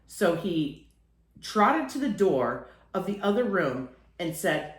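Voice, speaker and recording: Taking her time, this woman reads aloud from a children's picture book in an animated way, her pitch rising and falling freely. There's a clear echo from the room in the recording.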